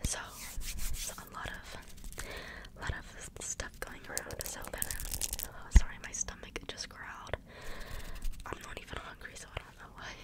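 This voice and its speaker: A young adult speaks in a soft, breathy ASMR whisper, rambling casually through everyday stories and drifting into tangents. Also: moderate pace, pauses often, poor audio. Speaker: ASMR video creator.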